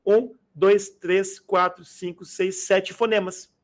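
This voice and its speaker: A man's voice: sits high, flat delivery, takes it slowly. Casual, slangy Portuguese teacher man. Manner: casual, slangy, asks students to confirm often. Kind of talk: live exam-prep grammar class. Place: classroom. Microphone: adjustable microphone.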